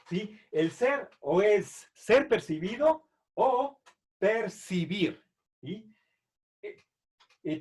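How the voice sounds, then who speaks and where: A man lectures on philosophy in an unhurried, explanatory way. His voice sits fairly high for a man, and he speaks slowly. He pads his sentences with fillers and keeps checking that his students follow. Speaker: philosophy teacher.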